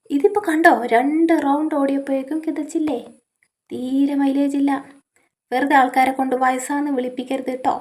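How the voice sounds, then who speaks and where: A woman's voice: high-pitched, dark tone, natural voice. A woman voicing a young man in a storybook, a playful, doting expecting father who teases and coaxes.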